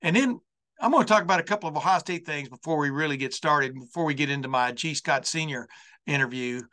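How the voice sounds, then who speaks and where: Bright-voiced, rambling male sports show host. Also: a little high, fast talker. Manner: folksy, rambling, circles back and repeats phrases. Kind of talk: unscripted college football show monologue.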